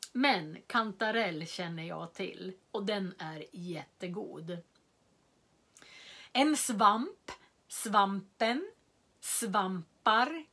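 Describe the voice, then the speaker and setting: A woman giving a slow, clearly spoken language lesson, repeating and spelling out words for learners. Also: mid-range voice, a bit bright. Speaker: Swedish language teacher.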